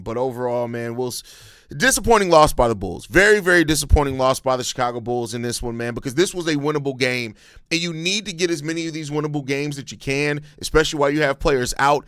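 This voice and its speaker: A man's voice: mid-range voice, a bit bright, smooth, no room sound, clean studio sound. An American man giving casual sports commentary as a host, informal and emphatic, repeating points to drive them home.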